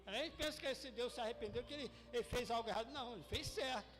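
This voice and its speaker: A man with a Brazilian Portuguese accent preaching a church sermon, swinging between shouted peaks and hushed asides and repeating phrases for emphasis. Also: extremely high pitch, fast. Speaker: pastor. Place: church hall during a service. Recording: reverberant church hall with faint music.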